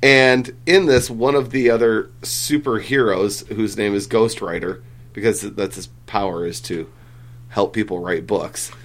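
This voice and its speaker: Low-voiced guy hosting a podcast, rambles with lots of ums and uhs, swears casually. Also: measured pace, fairly bright tone. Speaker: comic book podcast host.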